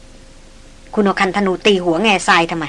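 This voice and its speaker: A gentle young woman, played by a woman reading the novel, asking in a soft, low, unhurried voice. Quieter and lower than the narration. An audiobook character. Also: expressive. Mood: puzzled.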